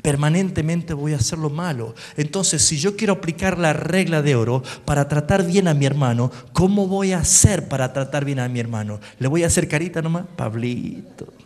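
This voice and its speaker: A pastor with an Argentine Spanish accent preaches a sermon, swinging from quiet asides to loud calls for the congregation to repeat after him. His voice sits on the high side at a moderate pace with hardly any pauses, and long hall reverb surrounds it.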